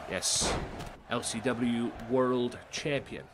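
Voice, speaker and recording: A young man doing excitable, swearing live-stream commentary over a game, talking straight to his chat viewers. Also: mid-range voice, background noise.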